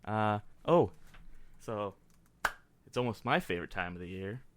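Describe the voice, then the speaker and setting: A man's voice: fairly low pitch, expressive, measured pace, noisy background. A man hosting a casual podcast, rambling with many restarts and reading out movie ratings. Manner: rambling, self-interrupting, reads out movie ratings. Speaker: podcast host.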